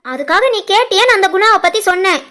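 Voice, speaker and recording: Cartoon role: a woman as a quick-tempered older mother-in-law, shrill and scolding. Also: lively intonation, full character voice. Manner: sharp scolding, shooing people off. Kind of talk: animated family story voice acting.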